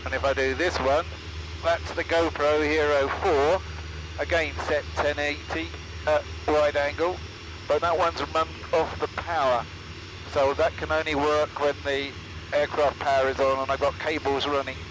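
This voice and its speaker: A man with a fairly high voice explains his camera gear plainly and calmly. He is on a headset intercom in a small plane's cockpit, and a steady engine drone sits under every word. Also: unhurried, noisy background. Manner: matter-of-fact, explanatory. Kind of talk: explaining while flying. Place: small aircraft cockpit in flight.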